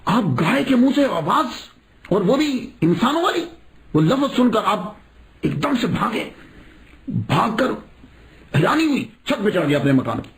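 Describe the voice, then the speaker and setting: A male preacher tells a religious story with a lively voice that leaps up and down, sitting fairly high for a man. He throws in rhetorical questions and chuckles as the tale unfolds. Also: pauses often.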